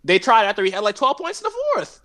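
A man co-hosting a casual sports debate, emphatic and quick to laugh, saying "bro" at the end of nearly every line. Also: high voice, very animated, over a noisy crowd. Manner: emphatic, peppers lines with "bro", laughs often. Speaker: podcast co-host.

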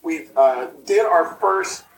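A man's voice: fairly high pitch, gravelly, roomy sound. Man sounding like he's in a tin can. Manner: rambling, halting, self-mocking storyteller. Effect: tinny, as if inside a metal can. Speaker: podcast guest, improv performer. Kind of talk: casual chat, storytelling. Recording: hollow, distant remote call with faint hiss.

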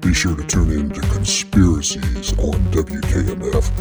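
A performer voicing an ominous, menacing radio conspiracy host who speaks in cryptic, portentous warnings. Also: a bass voice. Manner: slow, portentous, threatening. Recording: loud electronic music behind voice. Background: loud electronic music.

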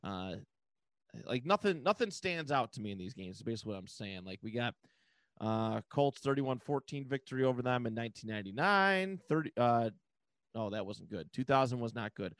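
A man's voice: mid-range voice, lively intonation, fairly quick, a bit bright, dry recording. Man, podcast co-host, rambling casual sports talk, dry close sound. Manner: rambling, hesitant, many fillers.

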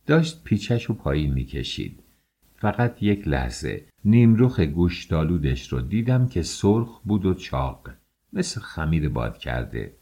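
A man's voice: deep voice, very animated, mellow, husky. A man reading an audiobook aloud, narrating the story and voicing the dialogue with shifts in tone.

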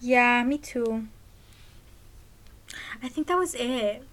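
A woman's voice: fairly high pitch, slow pace, fairly bright tone, slight background noise. A young woman in her late teens co-hosting a casual podcast, rambling and leaning on constant "like" fillers. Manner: rambling, filler-heavy with lots of "like". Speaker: podcast co-host. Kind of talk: casual chat.

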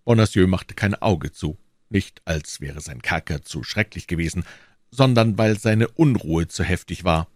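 A low-pitched man narrates a classic novel as an audiobook, telling the story in a measured, expressive way. The studio-quality recording has no room sound.

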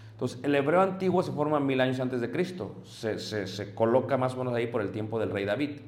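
A man preaching to a congregation, explaining things patiently and often stopping to check whether his listeners are following. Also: mid-range voice. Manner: addresses listeners directly, checks in with "ok?". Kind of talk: sermon teaching to a congregation. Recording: echoey room.

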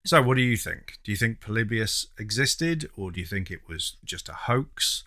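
Deep-voiced, bright man. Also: animated, moderate pace. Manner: chatty, teasing, trails off with fillers. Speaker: podcast co-host. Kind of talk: casual chat.

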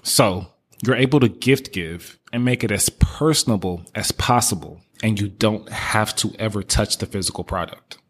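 A man's voice: lowish voice, husky. A man hosting a business podcast, upbeat and motivational, talking straight to his listeners. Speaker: podcast host. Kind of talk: casual business podcast talk.

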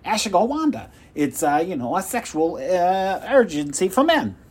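A man's voice: high voice, sing-song, normal speed, breathy edge, exaggerated voice. A man playing a pushy, insulting telemarketer who brags and swears. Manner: loud, insulting hard sell. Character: pushy rude male phone salesman.

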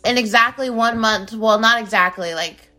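A woman in her twenties hosting her own podcast in casual, playful chat that swings between loud bursts and low mumbles. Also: normal speed. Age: 20s. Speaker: podcast host. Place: home in Arizona. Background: music beat playing.

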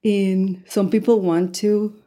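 A woman's voice: mid-range voice, steady tone, slow, warm tone. A woman, talking earnestly as an interview guest, with many fillers. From Puerto Rico. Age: 60s. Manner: earnest, with frequent fillers and light laughs. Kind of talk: conversational interview.

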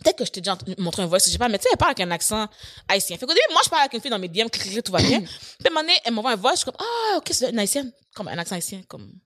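A woman telling stories in casual chat, animated and laughing often. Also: medium pitch, very fast.

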